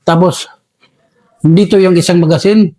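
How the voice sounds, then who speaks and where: Filipino man, soldier recounting combat, high mellow voice, respectful, sir after every phrase. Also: fairly even intonation, unhurried. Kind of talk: interview storytelling.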